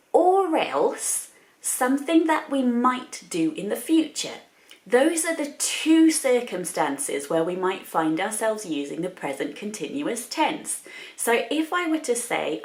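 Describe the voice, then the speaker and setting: In a roomy-sounding space, a woman with a mid-range voice teaches English. She walks learners through a grammar point in a chatty way, building it up step by step with examples.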